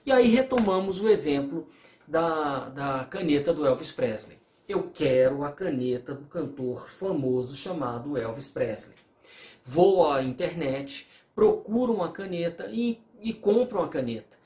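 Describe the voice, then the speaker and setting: A man's voice: fairly high pitch, lively intonation, a little slow, a little mellow. Man, law professor, recorded lecture, explanatory, echoey room. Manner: explanatory, works through examples, acts out quoted dialogue.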